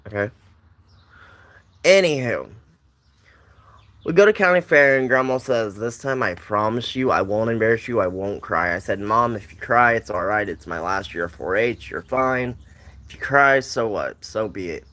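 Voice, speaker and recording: A man's voice: lowish voice, lively intonation, normal speed, fairly bright tone. A young man casually telling a family story on a livestream, rambling and repeating himself while chatting to viewers. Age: young adult.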